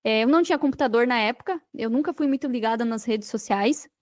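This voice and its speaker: Speaking a little high and at a quick pace, a woman with a darkish tone and a Brazilian Portuguese accent shares her story as a podcast guest. A digital marketing entrepreneur, she tells it emphatically through repeated phrases and rhetorical questions in a conversational interview. There's no room sound.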